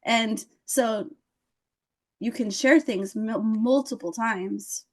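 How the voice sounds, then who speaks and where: High-voiced animated woman host. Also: slow pace. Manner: animated, enthusiastic, acts out quotes. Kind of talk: casual advice chat.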